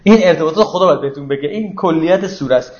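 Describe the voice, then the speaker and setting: A religious teacher with a fairly high male voice gives an informal lecture on Quranic verses, speaking conversationally and explaining through rhetorical questions to his audience. The recording is echoey and slightly dull, like a lo-fi room recording.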